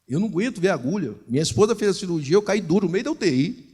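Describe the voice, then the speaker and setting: A Brazilian pastor with a high-pitched voice preaches as a lively storyteller, acting out each exchange as he goes. The long reverb of a large church hall rings around him. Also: very fast, husky. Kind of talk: storytelling sermon.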